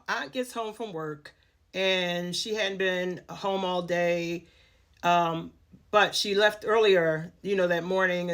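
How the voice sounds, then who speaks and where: A woman's voice: lowish voice, fairly bright tone. Woman telling a candid personal story. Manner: candid, conversational, with many fillers and restarts.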